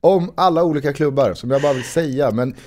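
A man's voice: a little high, a little mellow. Casual man podcaster with a darker voice. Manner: informal, mild swearing. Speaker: podcast co-host. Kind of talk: casual football podcast chat.

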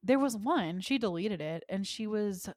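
A woman's voice: mid-range voice, lively intonation, measured pace, a little mellow, no room sound, studio quality. A woman co-hosting a podcast in casual chat, blunt and exasperated, with many "like" fillers. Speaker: podcast co-host.

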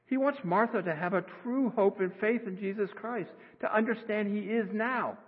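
A man preaching a sermon as pastor, earnest and conversational, with sudden rises in pitch. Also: moderate pace, breathy edge. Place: church sanctuary. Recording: tinny phone-like sound, long hall reverb.

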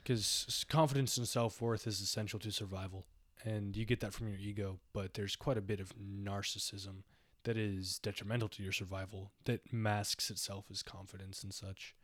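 A man's voice: lowish voice, fairly even intonation, moderate pace, no room sound, clean studio sound. A young man co-hosting a podcast, musing in casual philosophical chat with a lot of "like" and "you know". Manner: rambling, reflective, heavy use of "like". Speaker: podcast co-host.

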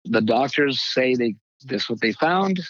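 Halting older man telling his story. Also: medium pitch, lively intonation, fairly bright tone, dry recording, dull audio. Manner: halting storyteller, acts out quoted voices. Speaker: pastor, guest. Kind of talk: personal testimony in conversation.

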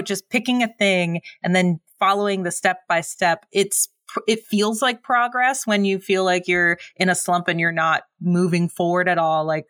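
A woman with a fairly low voice talks things through in a thoughtful, reflective way. The recording is dry and close, with no room sound. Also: fairly bright tone, no room sound. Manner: thoughtful, reflective, a few restarts. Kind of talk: casual conversation.

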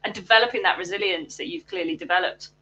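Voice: mid-range voice, fast talker, pushed and bright, muffled recording, slight background noise. A host asking long, encouraging questions in an interview.

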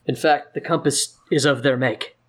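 A man voicing a calm, formal ally who explains things in a tabletop fantasy game. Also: mid-range voice, normal speed, breathy edge. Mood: reassuring.

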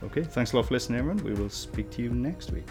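A man's voice: medium pitch, expressive, racing, over music. A man co-hosting an anatomy podcast in a casual, chatty way, often tagging questions onto his remarks. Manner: chatty, asks rhetorical tag questions. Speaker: podcast co-host. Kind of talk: casual educational chat.

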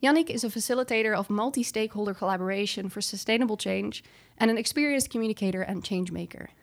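A woman's voice: mid-range voice, fast talker. Woman hosting a podcast interview. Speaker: podcast host.

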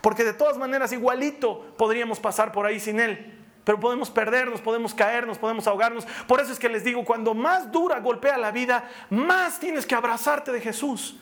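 A man with a Bolivian Spanish accent preaching a sermon, swinging between loud exhortation and soft, hushed tones. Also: very high-pitched, a little fast. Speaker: pastor.

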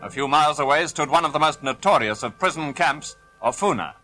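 A man's voice: fairly high pitch, lively intonation, fairly quick, over music. A man narrating an old 1940s newsreel in a formal, stern, declaiming manner, played back from an archive soundtrack. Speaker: newsreel announcer.

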